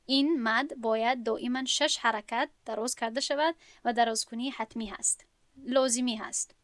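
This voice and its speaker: A woman's voice: a little high, fairly even intonation, a bit bright, no room sound. A woman teaching a recorded lesson on Quran recitation, explaining step by step and often rephrasing herself.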